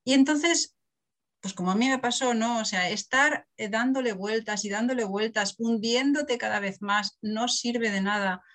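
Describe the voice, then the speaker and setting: Woman from Barcelona, middle-aged, fairly high voice, lively storyteller, interview guest. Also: normal speed. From Barcelona, Spain. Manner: animated storyteller, acts out quotes, laughs often. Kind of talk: casual interview talk.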